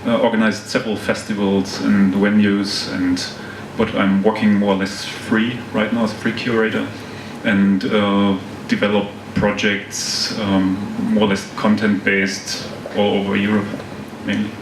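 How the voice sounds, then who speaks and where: A man from Germany introduces himself as a freelance curator, speaking in a low, level voice with little rise and fall. He sounds distant in an echoing hall with background noise. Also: flat delivery, measured pace. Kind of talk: self-introduction on a panel. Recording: echoey hall, distant, noisy.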